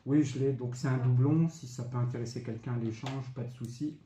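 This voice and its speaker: Speaking briskly with a dark tone, medium pitch and fairly even intonation, a chatty retro game collector runs through the games he bought and what each cost, leaning heavily on fillers. It's a casual show-and-tell recorded in an echoey room with faint background noise.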